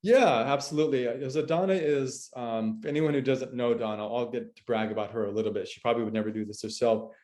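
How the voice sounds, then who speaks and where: A man's voice: medium pitch, quick pace, hardly any pauses, darkish tone. Upbeat male interview host. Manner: upbeat, chatty, some restarts and fillers. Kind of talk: casual video-call interview.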